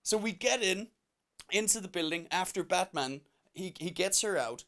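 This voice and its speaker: A man doing stand-up comedy, telling an animated, self-mocking story. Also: high voice, normal speed.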